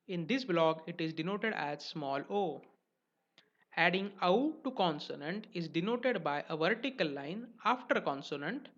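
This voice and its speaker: A man teaching letters as a language teacher, speaking slowly and carefully and stressing each example syllable. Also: on the high side, fairly bright tone. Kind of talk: explanatory lesson narration. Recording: dull lo-fi recording.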